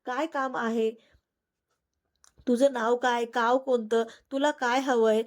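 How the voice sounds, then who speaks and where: A woman's voice: fairly high pitch, fairly even intonation, slow. A woman voicing a nervous palace maid who questions a stranger. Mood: questioning. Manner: questioning, then humble.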